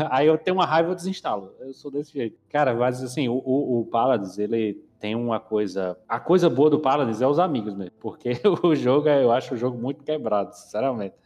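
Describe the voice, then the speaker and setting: A man's voice: medium pitch, a little fast, hardly any pauses. Slangy young Brazilian man in long reverb. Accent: Brazilian Portuguese. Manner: slangy, swearing, animated storytelling. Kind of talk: casual chat.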